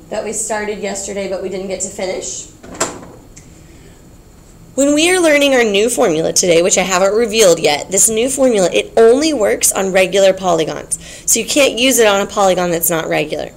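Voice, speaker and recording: A woman's voice: mid-range voice, gravelly. A woman teaching a geometry class, explaining patiently, repeating key points and checking in with her students. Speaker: math teacher.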